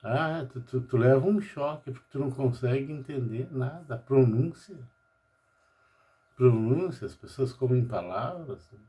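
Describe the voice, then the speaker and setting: Rambling older man, mellow voice. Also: mid-range voice, moderate pace, few pauses. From Brazil. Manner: rambling, tags nearly every phrase with "né?". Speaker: pharmacist. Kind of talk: personal monologue vlog. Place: at home.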